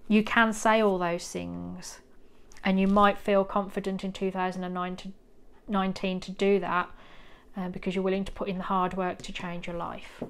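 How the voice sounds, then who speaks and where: A woman's voice: mid-range voice, flat delivery, moderate pace, clear, resonant tone. A woman giving a pick-a-card tarot reading, encouraging and rambling, with frequent ums. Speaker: tarot reader.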